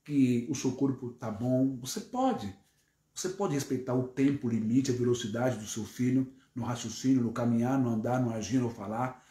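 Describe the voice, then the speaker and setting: A man's voice: medium pitch, moderate pace, mellow. A man with a Brazilian Portuguese accent preaching a sermon in a mid-range voice. He talks emphatically, stacking phrase after phrase into long lists. The room around him gives a noticeable echo.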